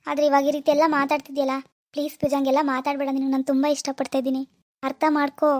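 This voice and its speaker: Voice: high-pitched, monotone, rapid-fire, dry recording, studio quality, natural voice. A performer playing a young rich man's son who hid his wealth, coaxing and pleading with his fiancée on the phone. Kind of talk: amateur phone-call drama.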